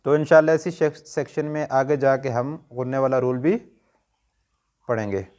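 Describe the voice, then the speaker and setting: A man's voice: medium pitch, steady tone, moderate pace, darkish tone. A man with a Pakistani Urdu accent teaching a tajweed lesson, patiently asking questions and answering them himself. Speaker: Quran recitation teacher.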